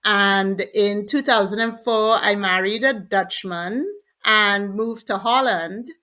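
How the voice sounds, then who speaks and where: A woman's voice: mid-range voice, fairly even intonation, takes it slowly, sharp tone. A woman from Trinidad, a podcast guest, earnestly telling her personal faith story in an interview.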